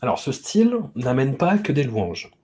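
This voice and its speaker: A man's voice: mid-range voice, big pitch swings, moderate pace, mellow. A man hosting a film podcast, reading prepared commentary between loose, hesitant chat. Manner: reads prepared text smoothly, chats with hesitations. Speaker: podcast host.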